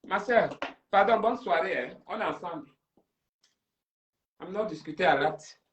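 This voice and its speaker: A livestream host takes callers, speaking in a theatrical, confrontational way. His voice sits high, is expressive, and is a little slow. The audio is dull and roomy, with him distant from the mic.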